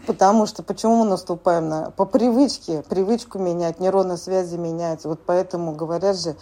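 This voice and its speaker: Woman, 40s, group member sharing; mellow, dark tone, halting delivery. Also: on the low side, steady tone, a little hiss or hum. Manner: halting, plain speech with many filler words. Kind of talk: sharing at a recovery group meeting.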